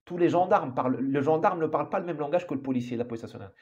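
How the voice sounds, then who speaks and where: A man's voice: a little high, expressive, very fast, darkish tone, muffled recording. A man giving an opinionated monologue as an author, emphatic and full of restarts and repeated words. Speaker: author commenting on society.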